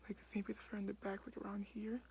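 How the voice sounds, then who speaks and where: A young woman vlogging in a hushed whisper late at night in a basement, filling her talk with "like" and "um". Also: mid-range voice, flat delivery, rapid-fire, a little hiss or hum. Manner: whispering quietly, many fillers like "like". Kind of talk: casual whispered vlog.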